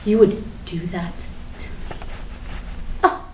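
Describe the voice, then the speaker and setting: Recorded far from the mic in an echoey room with faint background noise, a woman in her natural voice delivers a staged-reading monologue as a foul-mouthed, defiant suspect being questioned. She's agitated, rambling in a chatty, sarcastic and halting manner, slipping into nervous laughs.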